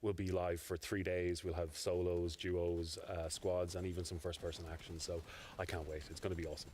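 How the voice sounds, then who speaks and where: A man with a very low voice gives interview answers as a studio guest. He hesitates often and leans on fillers. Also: flat delivery, a little fast, a little mellow, a little hiss or hum.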